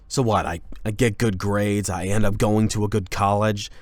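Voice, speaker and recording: Lightly acted, a man takes on the role of a cocky, rebellious high school delinquent for an anime boyfriend roleplay. His casual, slangy delivery is sardonic, with a cynical, heated mood. The recording is dry.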